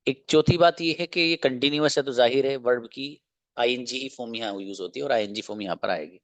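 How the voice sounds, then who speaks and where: A man teaching English grammar to a class, drilling example sentences slowly and checking understanding with quick questions. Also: mid-range voice, dry recording.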